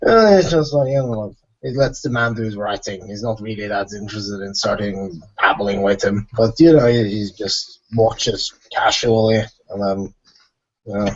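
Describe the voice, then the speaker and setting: A man's voice: fairly low pitch, normal speed. A man taking his turn in a tabletop role-playing game, speaking casually and loosely with plenty of filler words. His voice comes through a dull, lo-fi voice chat line. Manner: casual, fills with "you know". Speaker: player.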